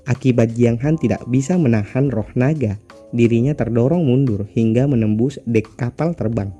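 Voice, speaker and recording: A man's voice: medium pitch, dark tone. A man narrating a comic story recap casually, with explanatory asides to listeners.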